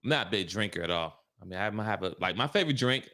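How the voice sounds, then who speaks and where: A man's voice: fairly low pitch, animated, quick pace, pushed and bright. A man co-hosting a casual livestream chat, telling laid-back stories and laughing along. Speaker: co-host.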